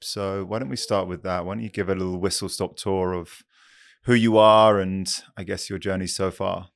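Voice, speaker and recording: Male podcast host with a low voice and a dry, close sound. Friendly and conversational, recaps what the guest says. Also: steady tone, moderate pace, creaky, dry recording. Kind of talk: casual interview chat.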